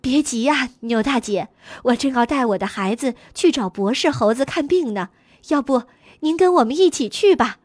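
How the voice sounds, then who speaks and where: A woman voicing a kind mother sheep who speaks gently and soothingly in a storybook. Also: sits high, expressive, moderate pace, no echo. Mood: gentle.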